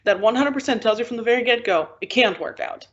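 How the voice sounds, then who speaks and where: A woman's voice: fairly high pitch, expressive, lo-fi sound. A young woman in her twenties from Brazil, a college student talking candidly and bluntly in a casual film discussion. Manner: candid, blunt, quick to laugh at herself.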